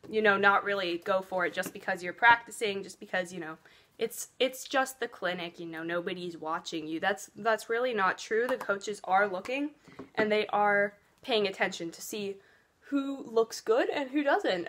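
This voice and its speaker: Teenage girl, casual makeup vlog, chatty, earnest advice, filler-heavy. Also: mid-range voice. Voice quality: loud voice. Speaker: beauty vlogger. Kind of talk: casual get-ready-with-me chat.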